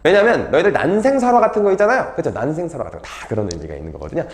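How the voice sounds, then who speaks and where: A Korean literature tutor with a fairly high voice talks rapid-fire, teaching in a casual, joking storytelling style. He is animated and acts out the characters' lines as he retells the tale, and the recording sounds roomy.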